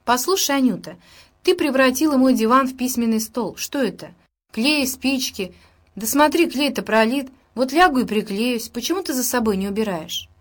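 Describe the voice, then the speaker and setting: A man's voice: very high voice, expressive, moderate pace, a bit bright, voice pushed up. A woman voicing a tired, short-tempered young husband who scolds angrily in a raised voice. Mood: angry. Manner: angry, scolding.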